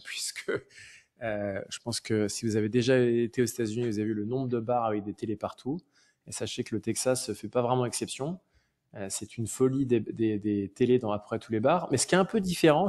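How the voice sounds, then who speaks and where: A man's voice: mid-range voice, darkish tone. Easygoing man chatting on a podcast. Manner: easygoing, chatty, peppered with filler sounds. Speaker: podcast co-host. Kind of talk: casual podcast chat.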